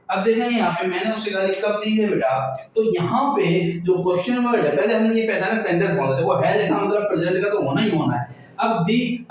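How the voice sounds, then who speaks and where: High-voiced male teacher in an echoey room. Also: slight background noise. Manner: slow explaining, quizzes students and answers himself. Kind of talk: classroom grammar lesson. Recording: echoey room, far from the mic, dull lo-fi sound.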